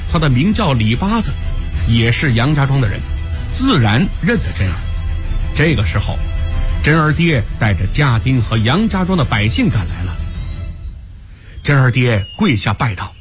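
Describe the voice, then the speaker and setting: A male storyteller narrating a radio story in an animated, expressive manner. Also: mid-range voice, moderate pace, pauses often, soft background music. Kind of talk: dramatic Chinese storytelling narration.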